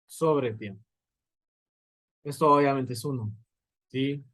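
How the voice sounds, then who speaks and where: A man's voice: on the high side, no echo, low-quality recording. A man teaching a physics lesson, explaining step by step and often checking in with his students. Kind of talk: recorded lecture at a writing board.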